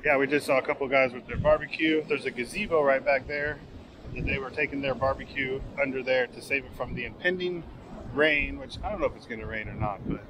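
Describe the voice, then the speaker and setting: A man's voice: medium pitch, a little fast, noisy background. A man in his forties chatting casually as a travel vlogger, filming outdoors at a beach and in a car. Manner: chatty, joking tour-guide talk.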